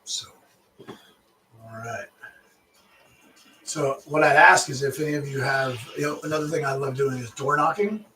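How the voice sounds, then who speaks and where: A man's voice: medium pitch, unhurried, long pauses, sharp tone, distant mic, a little hiss or hum. A man, a real estate agent chatting casually and making live calls, restarting his phrases and laughing easily. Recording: echoey room, voice off-mic.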